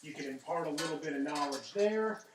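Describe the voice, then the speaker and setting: A middle-aged man hosts a home cooking segment with a chatty, folksy delivery and punchy asides. His voice sits a little high for a man. He sounds set back from the mic in an echoey home kitchen. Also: lively intonation, a little fast, far from the mic, a little hiss or hum. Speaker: host of a home cooking show. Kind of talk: casual cooking demonstration.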